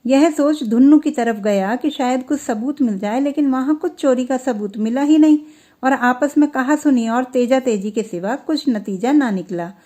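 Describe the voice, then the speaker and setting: A woman narrating a classic story in Hindi, reading it out in a steady, measured storytelling manner with soft drops at the end of her sentences. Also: high voice.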